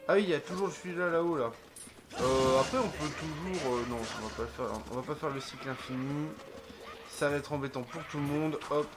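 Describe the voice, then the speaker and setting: A man's voice: on the high side, fairly quick, background noise. A man giving casual gameplay commentary as a let's play host, thinking aloud and hesitating with many fillers. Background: game music.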